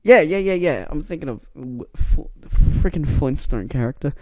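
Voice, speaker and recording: A man's voice: on the high side, lively intonation, moderate pace, dry recording. Guy rambling into a close mic, stammers a lot, self-deprecating, dry sound. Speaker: vlogger. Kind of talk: rambling casual monologue. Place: indoor room. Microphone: close mic with plosive pops.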